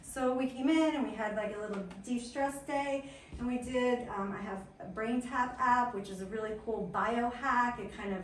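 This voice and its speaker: An upbeat woman wellness coach tells stories to a small audience in a chatty, quick style. Her voice sits a little high. She is picked up from some distance in a roomy, echoing space. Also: slight background noise. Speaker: wellness coach giving a talk. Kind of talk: lively storytelling presentation. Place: indoor event room at a chiropractic office. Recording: echoey room from a distance, faint ambience.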